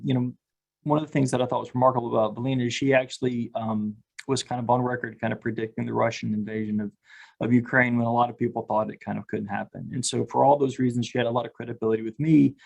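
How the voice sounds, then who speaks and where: Gravelly-voiced man hosting a webinar. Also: mid-range voice, fairly even intonation, fast, darkish tone, poor audio. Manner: casual, many fillers like "you know" and "kind of". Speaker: webinar host. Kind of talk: webinar interview. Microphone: video call.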